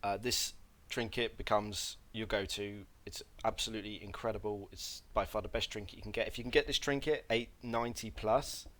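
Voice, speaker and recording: In this casual gameplay tutorial, a man with a lowish, slightly bright voice talks a little fast with hardly any pauses and fairly even intonation. He wanders off track, fixes his own mistakes, fills gaps with filler words, and coughs slightly from throat irritation.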